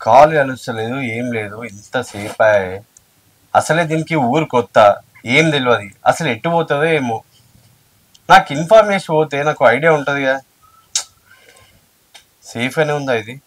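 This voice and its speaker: A man's voice: medium pitch, expressive, moderate pace, long pauses, close to an everyday voice. A man acting a worried, apologetic young husband in a short film, soothing and pleading. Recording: distant mic with faint music.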